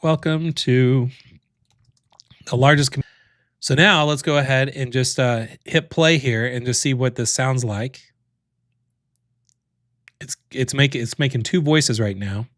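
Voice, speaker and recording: A man walks his viewers through a software tool on a livestream, chatting as he goes. His voice sits at a middling pitch and is recorded close, with a dry sound and no room around it. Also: unhurried, no echo. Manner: chatty, thinks aloud, many fillers. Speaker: livestream host demoing software. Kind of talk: casual livestream walkthrough.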